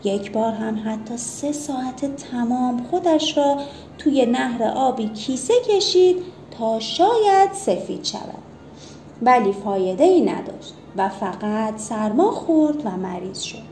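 A woman reads a children's story aloud in a gentle, expressive way. Her voice sits a little high but stays mellow and soft, with a faint hiss in the background.

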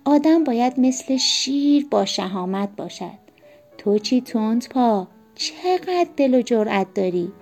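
A woman's voice: on the high side, animated, a little mellow, soft background music, voice pushed up. A woman voicing a kind, cheerful father in a storybook reading. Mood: reassuring.

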